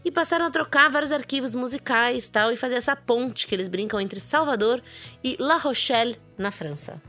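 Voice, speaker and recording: A woman's voice: on the high side, fairly quick, bright, forceful tone. A woman co-hosting a radio music show, introducing a band in light, playful banter. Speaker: radio host. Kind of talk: casual radio chat introducing songs.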